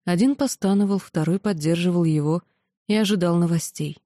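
Woman, audiobook narrator, low pitch, dark warm tone, steady measured reading. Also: no room sound, studio quality. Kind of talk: first-person audiobook narration.

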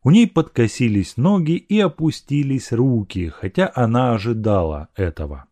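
A man narrating a classic novel as an audiobook, expressive and measured. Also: mid-range voice, no room sound. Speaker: audiobook reader.

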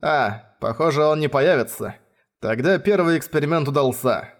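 Sly cheery spy guy, read by a man, calm and amused, storybook audiobook. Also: on the high side, moderate pace, lightly acted. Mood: gleeful. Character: scheming young male spy, cheerful.

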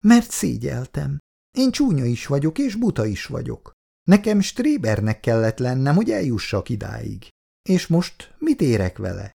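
A man's voice: medium pitch, very animated, creaky, mellow, husky, pitched above the performer's own voice, heavily acted. A man reading aloud and voicing an anxious, hardworking teenage schoolgirl who is close to tears, her voice trembling as she pleads. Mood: tearful.

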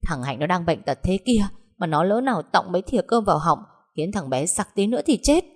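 A woman voicing a furious, hot-tempered peasant woman who shouts threats. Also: on the low side, big pitch swings, a little fast.

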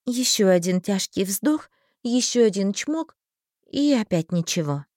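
Female audiobook narrator, wry first-person read, mid pitch, dry booth sound. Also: measured pace, no room sound. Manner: expressive, wry storytelling.

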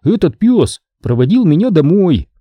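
A man voicing an earnest, excitable boy in an audiobook story. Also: high voice, moderate pace, no room sound, muffled recording, voice pushed up. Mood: friendly. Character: worried boy, polite and excitable.

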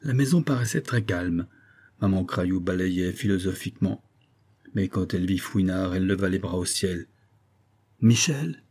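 Male audiobook reader, dark and husky, steady expressive narration. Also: deep voice, normal speed. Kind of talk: scripted narration.

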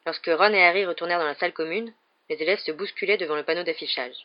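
An audiobook narrator reading a story in a steady, measured way. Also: mid-range voice, muffled recording.

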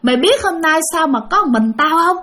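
A woman's voice: very high-pitched, expressive, normal speed, sharp tone, voice pushed up, exaggerated voice. A woman with a Southern Vietnamese accent voicing a vengeful female ghost turned into a fanged demon, taunting and menacing.

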